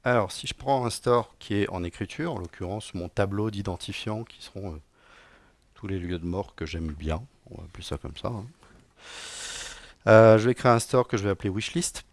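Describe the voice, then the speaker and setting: A man's voice: fairly low pitch, normal speed. A middle-aged man live-coding at a conference, talking casually with lots of fillers and dry jokes to a room audience. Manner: casual and joking, many fillers. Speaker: conference speaker, technical director. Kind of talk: live-coding tech talk.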